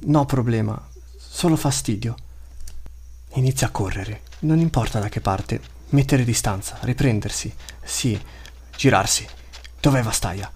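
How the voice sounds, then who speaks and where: A man's voice: medium pitch, a little slow, darkish tone, slight background noise, lightly acted. A man voicing the inner thoughts of a huge, hungry male beast that talks in short, broken phrases. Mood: pained. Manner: terse broken inner monologue.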